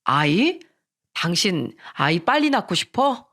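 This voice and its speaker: Woman doing a young husband, firm and pitched down, for a radio story. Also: sing-song, takes it slowly, a bit bright, heavily acted. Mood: earnest.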